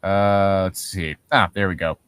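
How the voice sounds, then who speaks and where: A man with a low, clear, resonant voice that's fairly bright speaks in a steady, unhurried way, with no echo. As a podcast co-host, he chats casually about horror stories, rambling and swearing as he goes.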